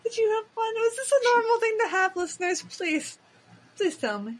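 A woman co-hosting a podcast in casual chat, animated and teasing, laughing and swearing often. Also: very high voice, moderate pace, slight background noise. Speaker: podcast co-host.

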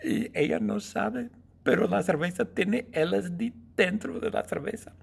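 A male teacher telling a silly story to learners, slow and repetitive, playful, with sound effects and laughs. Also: high-pitched, gravelly, breathy edge. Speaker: language teacher.

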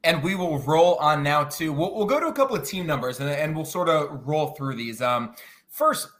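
A man with a fairly high voice hosts a college sports talk podcast. He moves through statistics and hands questions to his co-hosts. His pitch rises and falls a lot as he talks. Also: moderate pace. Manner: animated, steers the segment through stats. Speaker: podcast host.

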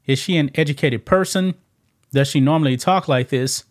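A man's voice: on the high side, moderate pace. A man hosting an online commentary show, talking casually and emphatically, often tossing in "man" and repeating his points. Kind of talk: opinionated political commentary.

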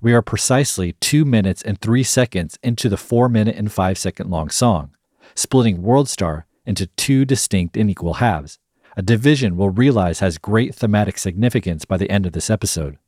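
A man hosting a podcast, narrating a scripted analysis in a measured, explanatory way. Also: on the low side, darkish tone, dry recording, clean studio sound. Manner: measured, explanatory, reads quotes aloud. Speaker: podcast host.

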